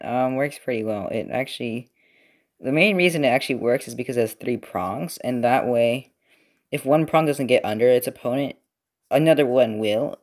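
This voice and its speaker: A young man talks casually in a mid-pitched voice while he works. He rambles, with many fillers and restarts. His pitch sits neither high nor low. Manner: rambling, filler-heavy, self-correcting. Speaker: robot-building video creator. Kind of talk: casual commentary while working. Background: TV football game.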